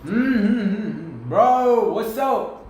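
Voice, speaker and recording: A man's voice: high-pitched, expressive, very slow, a little mellow. A young man streaming live, talking to strangers in a playful, teasing way with mumbled asides. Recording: very echoey room, faint noise.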